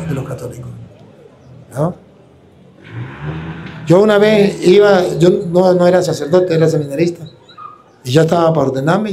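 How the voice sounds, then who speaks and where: A man's voice: on the high side, mellow. A man who is a priest, preaching a combative, mocking sermon.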